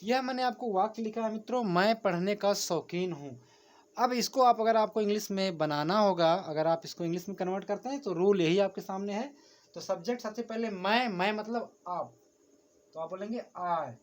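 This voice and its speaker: A man's voice: sits high, moderate pace. A man teaching a grammar lesson, patiently repeating each point and often addressing his viewers as friends while writing on a board. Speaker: English teacher.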